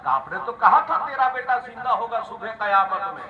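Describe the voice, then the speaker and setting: A male preacher telling a religious story in a dramatic sermon, moving from soft narration to shouted climaxes. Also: extremely high pitch, expressive, fairly quick. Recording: lo-fi PA recording with crowd. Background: large crowd.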